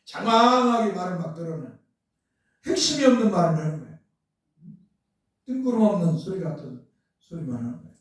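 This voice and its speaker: A man's voice: high-pitched, very animated, brisk, long pauses. A man preaching a sermon as pastor, asking rhetorical questions and building to emphatic outbursts. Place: church sanctuary. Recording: very echoey church hall, mic from far off.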